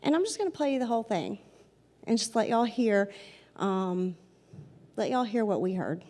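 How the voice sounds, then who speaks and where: A woman's voice: medium pitch, expressive, normal speed, mellow. Chatty Southern woman in her forties. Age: 40s. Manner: chatty, addresses the audience directly and repeats points for emphasis. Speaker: paranormal investigator giving a talk. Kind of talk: storytelling talk to a live audience. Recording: long hall reverb.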